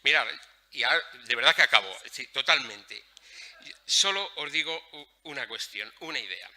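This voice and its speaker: A man's voice: medium pitch, normal speed. A man giving a conference talk at a workshop, telling anecdotes bluntly and acting out the dialogue. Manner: blunt, animated storytelling with acted-out dialogue. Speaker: workshop speaker.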